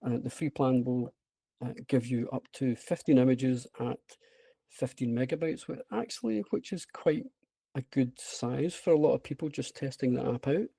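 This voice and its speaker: A man's voice: medium pitch, normal speed, creaky, mellow, husky, no room sound. A man with a broad Scottish accent giving an informal online presentation, hesitant and self-deprecating but enthusiastic. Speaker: presenter, app creator. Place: remote online video call with screen share.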